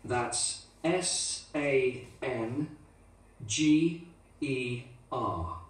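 An actor playing a man leaving a voicemail at a hotel, speaking slowly and spelling out his name letter by letter. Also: medium pitch, lively intonation, distant mic. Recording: echoey coursebook audio from a room speaker.

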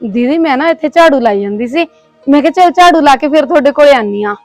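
A woman, playing a young newly married bride who talks softly and anxiously. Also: high voice, animated, fast talker, no room sound, soft background music. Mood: pleading. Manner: soft, pleading and worried. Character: young new bride, anxious and put-upon. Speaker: actor. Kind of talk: village short-film acting.

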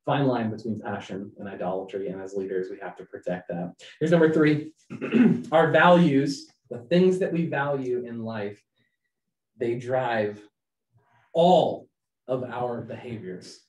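Male webinar presenter, earnest and animated, recorded from a distance in an echoey room. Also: medium pitch, a little slow. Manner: animated, acts out quotes in raised voice. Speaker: webinar presenter, company founder. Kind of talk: leadership webinar talk.

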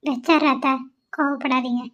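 A woman voicing a young, polite and sensible village wife in a cartoon, speaking in a gentle, pleading way. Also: high voice, steady tone, moderate pace, lo-fi sound. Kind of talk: cartoon voice acting.

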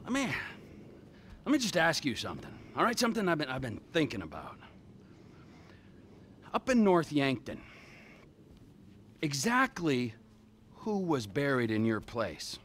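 An actor playing a volatile, profane middle-aged criminal in a video game cutscene, swinging from manic glee to screaming menace. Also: male voice, fairly high pitch, wildly swooping pitch, unhurried, pauses often, a bit bright, slight background noise, heavily acted. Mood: menacing. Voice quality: gravelly. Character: volatile, unhinged middle-aged male criminal, explosive temper. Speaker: career criminal.

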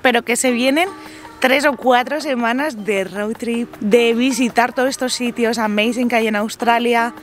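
Lively high-voiced woman vlogging. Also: normal speed, soft background music. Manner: lively, laughing, chatty. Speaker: travel vlogger. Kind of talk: casual chat to camera. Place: outdoors at a sunny campsite. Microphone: on-camera mic, selfie framing.

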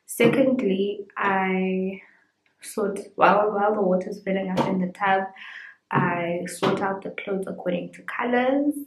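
A young woman talking casually in a vlog from her bedroom, explaining each step in a relaxed way. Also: medium pitch, measured pace, background noise. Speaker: vlogger. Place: small home bedroom, indoors. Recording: roomy indoor sound. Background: music playing behind.

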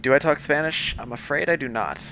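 Chatty male game streamer, bright voice, mid pitch, quiet hiss behind him. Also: lively intonation, fairly quick. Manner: chatty, talks to viewers and his pet. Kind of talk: live-stream gameplay commentary.

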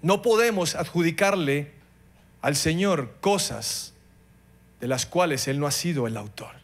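A middle-aged man preaching a sermon, passionate, swinging between loud pleading and quiet moments. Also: fairly high pitch, animated, unhurried. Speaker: pastor.

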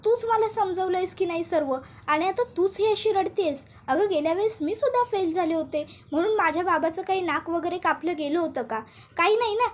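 Woman doing a sweet young wife, coaxing and soothing, voice way up high. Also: normal speed. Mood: reassuring. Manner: coaxing, reassuring.

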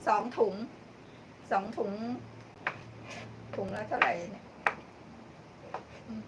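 A woman's voice: mid-range voice, takes it slowly. A woman hosting a live-stream cooking show, chatting casually with viewers as she cooks, thanking them by name and laughing often. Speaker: livestream cooking host. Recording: distant mic with clear background noise.

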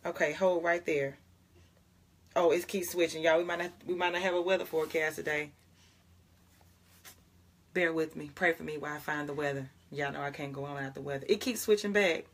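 Speaking from a closet at home, this young pastor from Jackson, Mississippi, hosts a morning livestream where she prays and talks casually with viewers, laughing a lot and saying y'all. Her voice sits low with fairly even intonation, brisk delivery, and long pauses.

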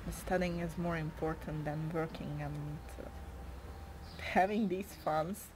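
A Hungarian woman in her twenties, whose first language is Hungarian and who has a Hungarian accent, answers interview questions softly and hesitantly, with frequent pauses and fillers. Her voice is low with fairly even intonation, and the background is noisy.

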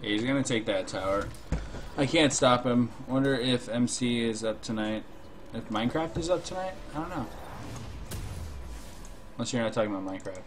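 A man's voice: medium pitch, expressive, moderate pace, pauses often. A young man giving casual live game commentary in a laid-back, musing way, swearing casually as he plays. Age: young adult. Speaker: game streamer. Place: indoor room at a computer. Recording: noisy stream with keyboard clatter. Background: keyboard typing, game sounds.

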